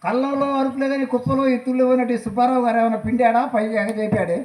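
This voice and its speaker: A man's voice: very high-pitched, very animated, racing. A fussy, doting old mother. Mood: pleading. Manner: loud, pleading, bantering. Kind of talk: stage comedy acting. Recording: echoey stage recorded from afar with music.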